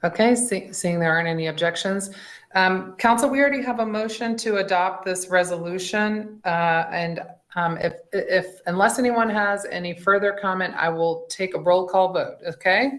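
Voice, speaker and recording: Lower-voiced woman chairing a council meeting. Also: normal speed, fairly bright tone. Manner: procedural, hesitant with fillers.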